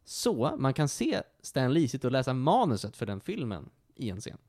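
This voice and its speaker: A man co-hosting a casual podcast chat, animated and chatty with lots of fillers. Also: medium pitch. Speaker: podcast co-host.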